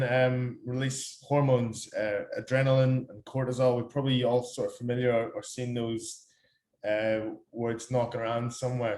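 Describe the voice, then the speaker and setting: A young Irish man giving a loose, conversational workshop talk, full of ums and quick restarts. His voice sits at an ordinary middle pitch. The room around him rings with a noticeable echo. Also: darkish tone. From Ireland. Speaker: workshop speaker. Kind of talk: casual presentation on a video call.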